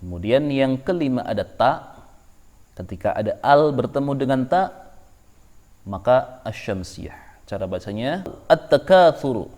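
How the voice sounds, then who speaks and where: A man's voice: medium pitch, darkish tone. A man teaching a tajwid lesson, patiently repeating each rule and example in turn. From Indonesia. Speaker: Quran recitation teacher.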